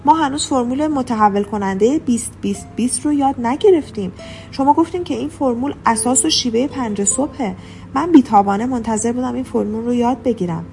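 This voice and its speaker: A woman's voice: fairly high pitch, mellow, soft background music, lightly acted. A woman voicing an agitated, easily alarmed male artist in an audiobook, keeping close to her own voice. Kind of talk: audiobook character reading.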